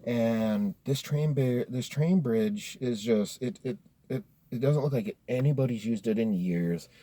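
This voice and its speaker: A young American storyteller from Colorado shares a personal horror tale for his story-time series, swearing a lot and tossing around "dude" and "bro." His warm, mid-range voice moves at a measured pace.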